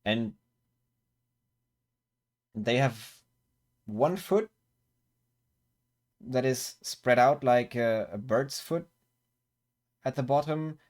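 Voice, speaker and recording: A man running a tabletop game, narrating scenes in an unhurried, deliberate way. He pauses often, restarting phrases and filling gaps while he finds the right words, at an ordinary middle pitch. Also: a little mellow. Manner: slow, searching descriptions with many fillers and restarts. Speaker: game master.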